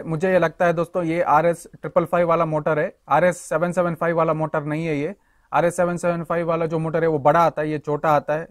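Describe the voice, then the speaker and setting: Close and dry with no room echo, the recording captures a young tool reviewer explaining a power tool piece by piece in a hands-on product walkthrough. He talks to viewers as friends in a slightly high, steady-pitched voice.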